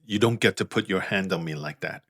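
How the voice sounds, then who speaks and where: A man's voice: deep voice, a little fast, a bit bright, dry recording, studio quality. A man voicing a defiant young male curler who speaks in a tense, clipped way. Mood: angry.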